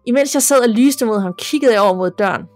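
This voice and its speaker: A woman reading a listener's ghost story aloud as a podcast narrator, in a steady, measured way. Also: on the high side, soft background music.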